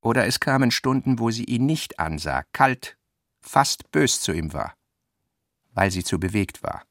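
A man narrates literary prose in a measured, reflective yet animated way. His mid-pitched voice is a bit bright with a gravelly creak. The recording is dry and close, like a radio production.

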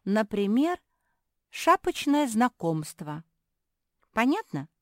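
A prim elder pug lady, as a woman puts her on lectures in a measured, reproachful storybook voice. Her voice is slightly raised and lively, and sits close and dry. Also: on the high side, no room sound, voice pushed up. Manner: reproachful, instructive. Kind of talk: storybook character voice.

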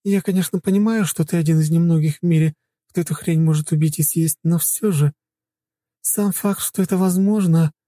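A man voicing a dazed, weary woman who has just been made younger, in an audiobook, using a high put-on voice. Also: steady tone, normal speed, dark tone, no echo, studio quality, lightly acted. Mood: weary wonder. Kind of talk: audiobook narration.

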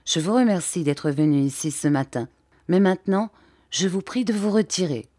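A woman's voice: on the low side, animated, mellow, no room sound, clean studio sound. A woman voicing a composed, formal English male scientist in an audiobook reading. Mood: grave. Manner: measured, formal speech.

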